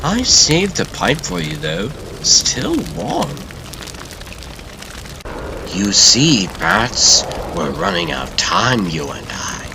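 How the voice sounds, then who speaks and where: The Joker, wildly swooping clown villain. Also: male voice, mid-range voice, huge pitch swings, takes it slowly, vocal fry, noisy background, heavily acted. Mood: sadistic glee. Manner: theatrical, taunting, lurching between hushed and shrieking. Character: gleefully sadistic, unhinged male clown supervillain. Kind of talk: comic dub acting.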